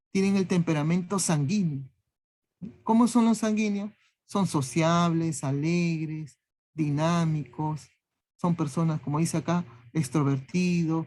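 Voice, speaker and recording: A man's voice: fairly high pitch, darkish tone. A man teaching a class, listing ideas one word at a time and checking in with a questioning "¿no?" after nearly every phrase. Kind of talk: classroom lecture.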